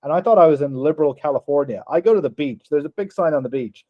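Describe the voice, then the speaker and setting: An Irish man co-hosting a podcast, telling animated stories, acting out quotes and swearing freely. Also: fairly high pitch, fast, dry recording, dull audio. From Ireland. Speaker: podcast co-host. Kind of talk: casual storytelling chat.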